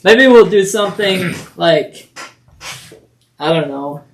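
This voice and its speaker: Guy hosting a podcast, kinda higher voice, just chatting casually. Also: expressive, slow, a little hiss or hum. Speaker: podcast host. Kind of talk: casual conversational interview.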